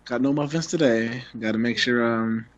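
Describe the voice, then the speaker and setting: A man's voice: mid-range voice, moderate pace, highs cut off. A man joining a casual podcast chat, jokey and playful.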